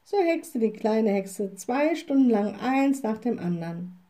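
Slow, expressive woman storyteller. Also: fairly high pitch. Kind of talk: reading a children's story aloud.

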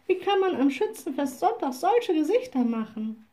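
A woman voicing a cheerful, kind and sly little witch in a storybook reading, in a bright, teasing, high voice. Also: very animated, normal speed.

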